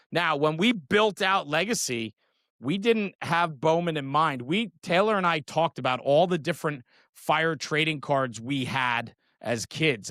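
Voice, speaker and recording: A middle-aged man, founder of a trading card brand, is a guest in a casual, enthusiastic show-and-tell chat. He talks informally with slang and keeps checking for agreement. His voice is high, pushed and bright, captured in a dry, studio-quality recording.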